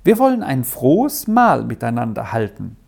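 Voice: medium pitch, very animated, normal speed, gravelly, darkish tone. A reader voicing an insistent, well-off lady traveler who scolds and commands in an audiobook story. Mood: cheerful. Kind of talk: audiobook reading.

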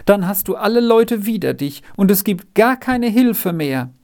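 A reader voicing a kind, anxious young farm girl in an audiobook, speaking high and pleading. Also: very animated, slow, darkish tone. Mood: distressed. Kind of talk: audiobook reading.

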